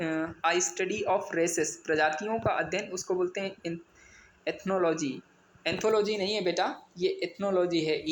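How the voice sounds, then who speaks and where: A man teaching an exam vocabulary lesson, spelling words out letter by letter and mixing in English definitions. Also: high-pitched. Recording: echoey room with faint ambient noise.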